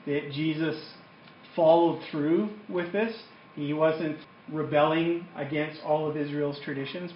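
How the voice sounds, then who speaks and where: A man's voice: a little high, slight background noise. A man, giving an informal, conversational Bible lecture and explaining as he goes. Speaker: Bible teacher. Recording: echoey room, dull lo-fi sound.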